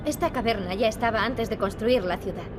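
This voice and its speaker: With music in the background, a woman with a Castilian Spanish accent voices an earnest, determined young princess for a European Spanish video game dub. Her fairly high, natural voice moves a little fast, solemn and serious in mood.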